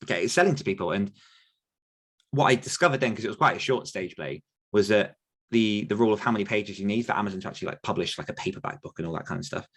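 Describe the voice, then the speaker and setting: A podcast host and author coach answers questions in casual conversation, his lowish voice expressive, quick and slightly breathy. He rambles, restarting often and leaning on fillers.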